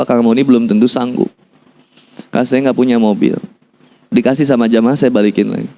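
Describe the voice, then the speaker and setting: A man preaching a storytelling sermon in an animated way. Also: medium pitch. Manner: animated, acts out quoted voices.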